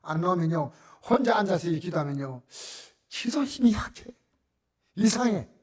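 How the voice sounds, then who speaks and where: Animated high-voiced Korean pastor preaching. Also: male voice, moderate pace. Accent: Gyeongsang Korean. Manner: animated, shifts from loud cries to near-whispers. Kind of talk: sermon. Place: church sanctuary.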